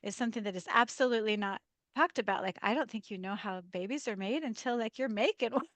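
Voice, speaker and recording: A woman talking as a guest in a casual interview over a video call. She tells stories with lively energy, laughs often and acts out the lines of the people she quotes. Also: fairly high pitch, fast talker, no room sound.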